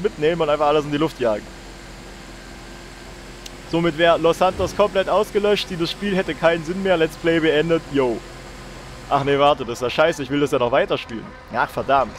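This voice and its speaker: A young man with a slightly high voice hosting a let's play, joking, swearing and chatting to his viewers as he plays. A faint hiss runs underneath. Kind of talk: casual gameplay commentary.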